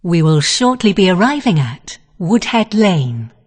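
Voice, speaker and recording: A female onboard announcer delivers pre-recorded passenger information at a slow pace. Her intonation rises and falls widely. The recording rings with long reverb. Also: lowish voice, sing-song, a little mellow, breathy edge. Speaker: automated onboard train announcer. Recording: long reverberant hall echo.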